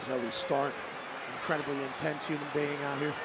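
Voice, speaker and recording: Male wrestling colour commentator, high voice, emphatic praise, very loud crowd behind. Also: flat delivery, moderate pace, heavy background noise. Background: loud arena crowd.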